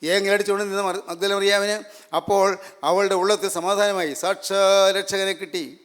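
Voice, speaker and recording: A man's voice: sits high, flat delivery, moderate pace, fairly bright tone, clear, resonant tone. A man preaching a sermon, emphatic and repetitive, full of rhetorical questions. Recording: long hall reverb.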